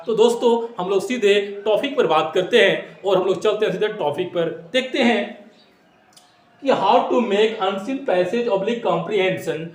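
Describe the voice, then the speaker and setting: A man teaching exam tips in a classroom style, repeating points and asking rhetorical questions while mixing in English phrases. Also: high-pitched. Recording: echoey room.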